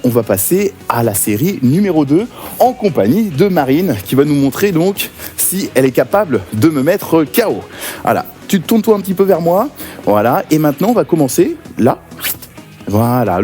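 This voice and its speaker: Guy coaching a workout, voice bouncing up and down, dark mellow tone, bit of music behind. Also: a little high. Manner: energetic, encouraging counting and cues. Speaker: fitness coach. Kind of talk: guided workout class.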